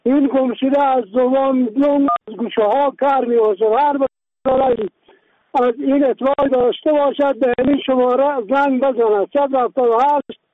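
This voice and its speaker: A man's voice: extremely high pitch, steady tone, no echo. A man with an Afghan Dari accent calling in over a radio, formally reading out details and a phone number. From central Afghanistan. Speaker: caller. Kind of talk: call-in message. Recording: tinny dry phone line.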